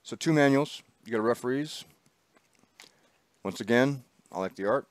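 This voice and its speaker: A man with a medium-pitched voice hosts a casual chat show at a normal speed. Recorded dry in a small studio, he rambles in a chatty way and laughs often.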